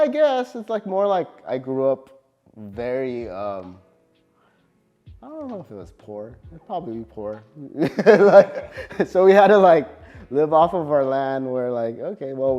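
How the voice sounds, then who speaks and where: With soft music behind him and somewhat dull audio, a Californian man who works as a tattoo artist talks in a mid-range voice. It's a casual interview, and his manner is laid-back and halting, packed with fillers.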